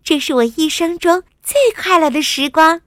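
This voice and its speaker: A woman voicing a stubborn, excited little princess, shrill and loud in a children's storybook. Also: a little slow, dry recording, clean studio sound. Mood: cheerful. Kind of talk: storybook character voice.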